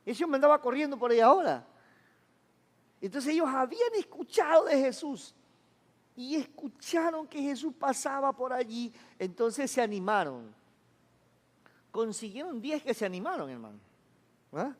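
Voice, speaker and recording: Male pastor, high voice, chatty sermon delivery, long church reverb. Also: very animated, moderate pace, pauses often. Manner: conversational preaching, asks the congregation for agreement.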